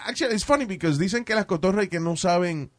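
A man's voice: high voice, animated, fast. A man hosting a radio chat show, joking and switching between Spanish and English. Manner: joking, playful.

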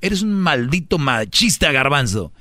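A man's voice: on the high side, sing-song, unhurried, pushed and bright, dry recording, clean studio sound. A man with a Mexican Spanish accent hosting a sarcastic commentary talk, mocking what he reads and acting out quotes in exaggerated voices. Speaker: host.

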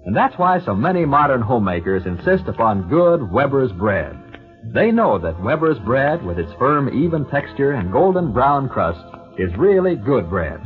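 A man with an American accent reading an advertisement as a 1940s radio announcer. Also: medium pitch. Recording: thin, tinny vintage radio recording.

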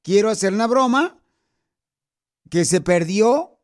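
A man's voice: high voice, animated, a little slow. A man hosting a radio show, teasing callers with playful nicknames. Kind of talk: lively radio banter.

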